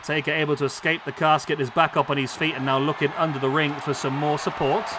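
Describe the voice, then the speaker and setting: A male gaming YouTuber, fast-talking and excitable, shouts bursts of exclamation while doing play-by-play on a simulated wrestling match. His slightly high voice is hoarse and going. The noisy recording has clear background sound under him.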